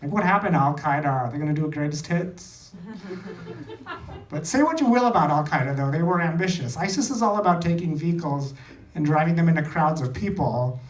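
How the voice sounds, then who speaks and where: With lively intonation and a fairly quick pace, a highish-voiced Indian man performs his comedy routine on a small theater stage. Short phrases, dry and self-mocking, make up his delivery. The audio is echoey, distant and loudly noisy.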